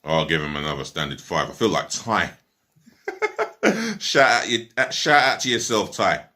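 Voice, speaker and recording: A man with a low, forceful and bright voice gives a rambling fan review of a football match. He is blunt, swears freely and fills his talk with ums, now and then speaking through a mouthful of food. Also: very animated, moderate pace. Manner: talks while eating. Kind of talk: casual match review vlog.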